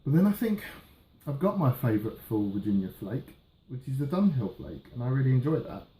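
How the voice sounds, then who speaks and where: A man chatting casually through a tobacco review, musing and hesitant, pausing and trailing off between puffs on his pipe. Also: medium pitch, big pitch swings, dark tone. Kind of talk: casual video review chat. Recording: roomy, echoey sound.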